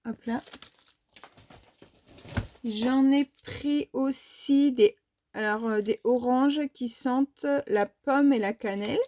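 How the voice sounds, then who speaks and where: Slow-talking French woman showing a haul. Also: fairly high pitch, warm tone. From France. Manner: hesitant, many fillers and restarts. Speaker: vlogger showing a shopping haul. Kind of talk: casual show-and-tell haul.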